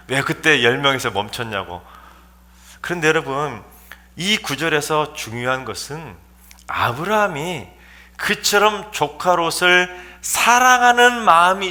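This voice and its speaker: A man's voice: medium pitch, sharp tone. A man preaching a sermon as a pastor, emphatic and full of dramatic rhetorical questions.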